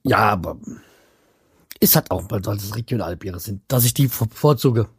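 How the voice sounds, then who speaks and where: A man from around Hanau, working as a vlogger, chats loosely to his viewers at home, restarting and trailing off with many fillers. His voice is lowish, expressive, and slightly rough at a moderate pace, recorded dry with clean studio sound.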